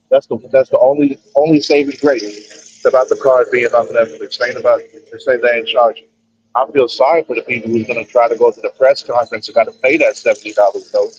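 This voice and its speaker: A man's voice: medium pitch, steady tone, fairly quick, a little mellow, slight background noise. A man chatting casually about boxing over a choppy call connection that keeps breaking up, slangy and repeating himself, from inside a car. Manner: slangy, repeats and restarts phrases. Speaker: podcast co-host. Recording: muffled lo-fi call audio.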